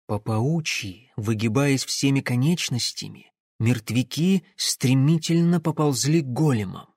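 A man's voice: mid-range voice, unhurried, a little mellow, breathy edge, no echo, clean studio sound. A man reading an audiobook aloud in a dramatic, intense narration. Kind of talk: scripted narration.

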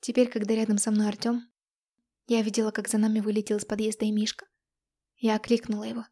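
A woman narrating a first-person romance audiobook in an intimate, dramatic way, often dropping to a hush. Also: mid-range voice, little pitch movement, fast.

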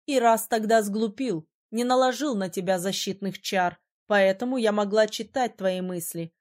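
A woman voicing a cruel female mermaid leader who sneers and threatens slowly. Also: medium pitch, a little mellow, natural voice. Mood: mocking.

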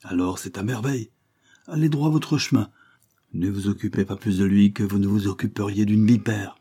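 Domineering elder sister, scolding, insistent, husky low voice, voiced by a male reader. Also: moderate pace, dark tone.

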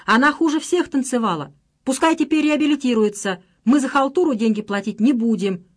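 A woman voicing a spiteful young woman who jeers and shouts in loud, high, mocking bursts. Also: expressive, normal speed. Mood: jeering spite. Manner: shrill, jeering shouts.

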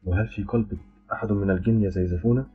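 A man's voice: lowish voice, fairly even intonation, rapid-fire, breathy edge. A man voicing an earnest young man smitten with a jinn girl, speaking in eager questions. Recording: dull lo-fi with faint music.

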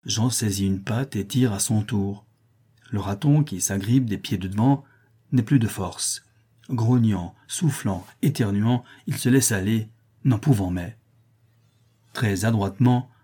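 A male narrator reads an adventure novel aloud in a steady, expressive manner. His voice is mellow and dark with a husky edge. He sits at an ordinary middle pitch. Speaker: audiobook narrator.

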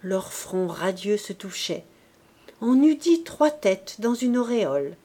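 Calm audiobook narrator, woman, unhurried and measured. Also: mid-range voice. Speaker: audiobook reader. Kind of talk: scripted narration.

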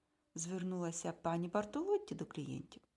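A woman narrating a children's book in an expressive storytelling manner. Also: fairly low pitch, normal speed, husky. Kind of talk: audiobook narration.

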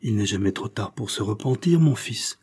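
A man reading aloud, voicing an anguished mother who pleads softly with her grown son. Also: fairly low pitch, lively intonation, measured pace, husky. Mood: gentle.

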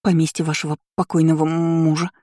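A woman voicing a timid, anxious young maid who stammers and speaks up high. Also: level tone, a little fast, mellow, no room sound, clean studio sound.

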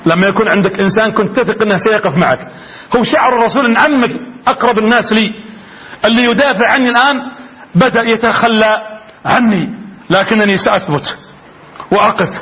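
A man's voice: sits high, fast talker, a bit bright, rough recording. A man giving a fervent religious lecture, telling stories and speaking directly to his audience. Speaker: preacher.

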